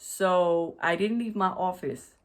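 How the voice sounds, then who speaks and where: A woman vlogger speaks to camera at home into a USB desk microphone, retelling a story from work. She talks slowly in a fairly low voice, emphatic and repetitive, restarting often.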